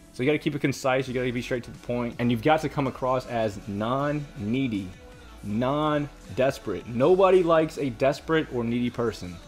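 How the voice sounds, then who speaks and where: Young man, exasperated commentary, lecturing tone, faint music underneath. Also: mid-range voice. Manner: exasperated, lecturing, repeats himself. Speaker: YouTuber reading comments. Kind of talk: casual commentary.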